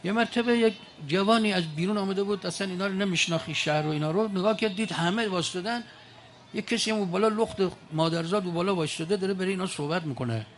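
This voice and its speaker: Older male speaker, folksy storyteller, pitched high for a man, faint noise behind. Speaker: speaker addressing an audience. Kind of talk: colloquial storytelling speech.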